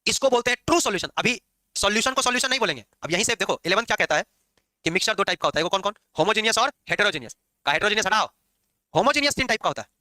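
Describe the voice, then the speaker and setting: A man teaching chemistry in a classroom lecture, lively and teasing his students as he explains. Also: high-pitched, very fast, no room sound. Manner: lively, scolding and joking with students.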